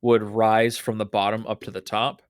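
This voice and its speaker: A man's voice: lowish voice, flat delivery, moderate pace, no room sound. A man, the game master, chatting with players and telling a bit of trivia in a casual, storytelling way. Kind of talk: casual chat among players.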